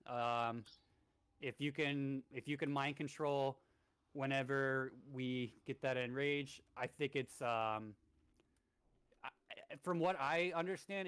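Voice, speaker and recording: This twenty-something game streamer briefs his raid and chats casually, wandering easily through his points with plenty of filler words. His voice is medium-pitched, smooth and fairly bright, with no room sound.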